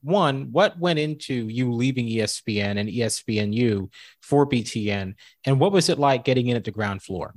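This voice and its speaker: A man co-hosting a sports media podcast, setting up questions with measured explanations. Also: mid-range voice, lively intonation. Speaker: podcast co-host. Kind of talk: podcast interview.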